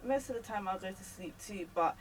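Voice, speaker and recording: A woman's voice: mid-range voice, animated, fairly quick, far from the mic, slight background noise, low-quality recording. A young woman, a guest chatting casually about motherhood with lots of fillers. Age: young adult. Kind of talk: casual chat.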